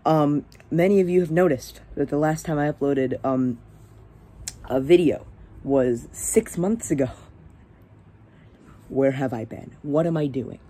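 Hesitant young man, mellow voice. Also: a little high, a little slow, long pauses. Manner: hesitant, many fillers and restarts. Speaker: channel host. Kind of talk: casual rambling vlog.

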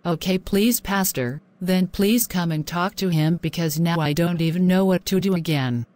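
A woman's voice: on the low side, moderate pace, darkish tone, natural voice. A woman voicing a long-suffering, devout young wife who pleads and prays. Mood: pleading. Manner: pleading, prayerful. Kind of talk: animated drama voice acting.

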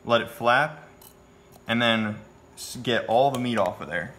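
Speaking at an easy pace in a medium-pitched, fairly bright voice, this twenty-something man vlogs his fishing outing from a small river boat. He keeps an upbeat running tally of his catches. The audio comes from a handheld phone and carries plenty of outdoor noise.

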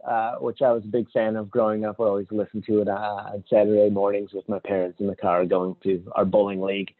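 A man giving a casual technical talk with slides, rambling with many fillers and restarts. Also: lowish voice. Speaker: conference speaker. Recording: tinny phone-like audio.

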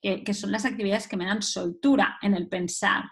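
A woman presenting an educational webinar, explaining step by step and sounding out words slowly as a model for teachers. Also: medium pitch, fairly even intonation. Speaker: webinar presenter on early literacy.

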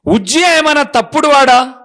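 Pastor guy w preaching, really high voice, bright and sharp. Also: animated, brisk. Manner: emphatic preaching, asking the congregation rhetorical questions. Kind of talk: sermon.

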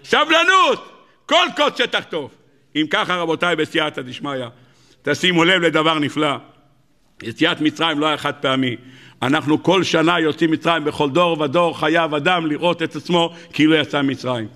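A man preaching a sermon as a rabbi, animated and emphatic, acting out voices in his stories. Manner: animated preaching, rising to high emphatic peaks and acting out dialogue.

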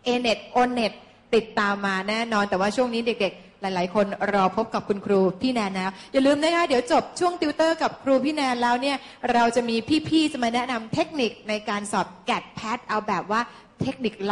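A woman's voice: on the high side, fairly quick. A woman hosting a TV show, bubbly and exclamatory, with frequent polite backchannels. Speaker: TV program host.

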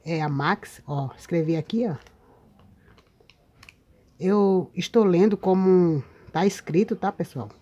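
A woman's voice: on the low side, takes it slowly, long pauses, dark tone, husky, lo-fi sound. A woman with a Brazilian Portuguese accent, chatting casually to viewers while showing crafts, recorded outdoors in a windy spot. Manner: chatty, addresses viewers often with tag questions. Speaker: paper craft video maker. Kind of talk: casual show-and-tell vlog.

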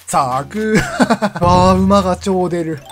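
A young man giving casual commentary while streaming a game, chatty and laughing often, with sudden loud outbursts. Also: high-pitched, slow. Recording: game music playing behind the voice. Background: background game music.

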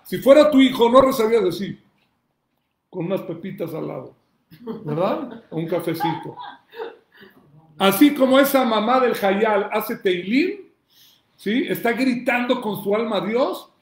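Male rabbi, fiery question-and-answer sermon delivery, high-pitched, recorded in a reverberant room. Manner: emphatic preacher, asks and answers his own questions, shouts calls to God.

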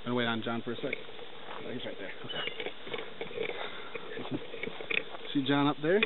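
Here a young man with a medium-pitched voice talks at normal speed to a handheld camera at arm's length. Out in the forest on a hike, he rambles loosely as he walks, vlogging his trip. The camera audio is tinny and lo-fi, with faint noise.

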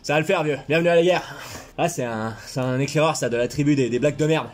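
A man doing a crude comic sketch monologue, with mock-serious asides and sudden shouts. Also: on the high side, fast, a little hiss or hum. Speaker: comedian parodying a survival show.

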